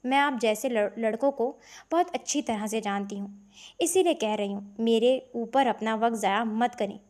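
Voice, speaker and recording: Woman voicing a prim religious girl, cold and sharp, kinda high pitch, audiobook. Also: close to an everyday voice. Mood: scornful. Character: stern, devout young woman student.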